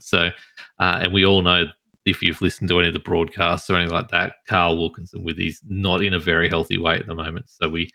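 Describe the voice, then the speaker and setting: A tired man hosts a casual podcast chat, tripping over his words now and then. His voice is very low and flat in pitch, with a bright edge. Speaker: podcast host.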